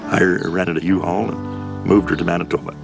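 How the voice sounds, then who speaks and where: A man's voice: low-pitched, flat delivery, moderate pace, gravelly, music in the background. An older man speaking in an interview, reflective and plain-spoken. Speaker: interviewee, fan. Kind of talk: candid interview.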